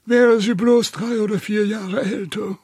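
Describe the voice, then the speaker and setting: A cantankerous elderly shipowner, voiced by a man in an audiobook, shrill and trembling with indignation. The voice jumps high above a gravelly, husky base. The recording is dry and close. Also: steady tone, unhurried, darkish tone, dry recording, full character voice. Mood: hushed. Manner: shrill, trembling, bigoted outbursts. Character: elderly irritable male retired shipowner.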